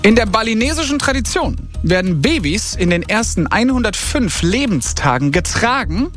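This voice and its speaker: A male radio host running an on-air quiz game with a caller, energetic and slangy, dropping in English words. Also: high voice, normal speed, faint music behind. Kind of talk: upbeat radio game show hosting.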